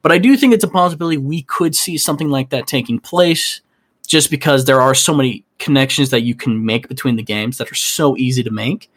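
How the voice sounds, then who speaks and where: A man co-hosting a gaming podcast theorizes loosely in casual chat, rambling with plenty of fillers and restarts. His voice is mid-range and fairly bright, and he talks fairly quickly.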